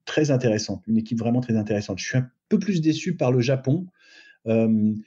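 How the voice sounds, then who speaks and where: A man's voice: mid-range voice, brisk, warm tone, slightly rough. A middle-aged man as a podcast guest, giving thoughtful rugby analysis with many hesitations and restarts. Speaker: guest sports agent. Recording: muffled lo-fi recording.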